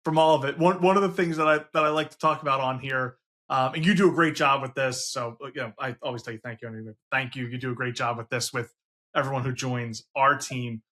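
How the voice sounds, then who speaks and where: A man hosting a casual interview, giving steady backchannel replies and asking questions in a conversational way. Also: mid-range voice, fast. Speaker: podcast host, team leader.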